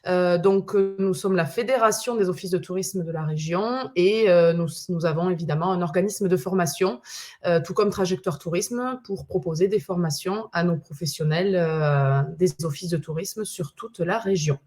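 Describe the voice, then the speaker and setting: A woman co-hosts a live online webinar and presents her organisation. She talks at a measured pace, pausing on fillers, and comes through a video call. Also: fairly low pitch, a little mellow. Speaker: co-host.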